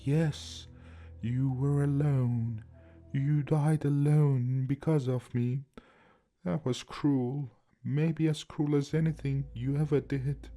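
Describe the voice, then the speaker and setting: A man voicing a frightened, guilt-ridden elderly grandfather in a horror story, with a slow, strained, halting voice. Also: fairly high pitch, lively intonation, dark tone, slightly rough, soft background music, pitched above the performer's own voice, exaggerated voice. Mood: resigned. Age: older. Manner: halting, broken speech.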